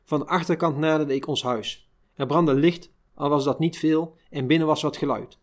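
A man reads a first-person memoir aloud, steady and measured. His voice sits fairly high for a man. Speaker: reader of a memoir.

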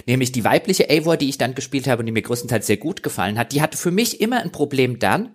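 A man with a somewhat husky voice, debating in a casual podcast chat. He sounds argumentative and blunt, pressing his points in a plain, direct way. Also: medium pitch, animated, fast.

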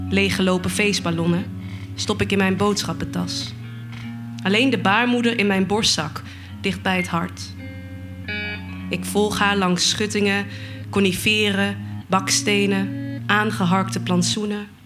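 Slow measured woman poet over guitar. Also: medium pitch. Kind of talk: spoken word poetry.

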